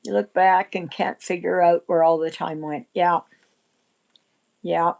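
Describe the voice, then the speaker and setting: A woman in her sixties hosting a casual livestream chat, rambling and often clearing her throat. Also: fairly low pitch, steady tone, measured pace, darkish tone, rough recording. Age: 60s. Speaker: livestream host.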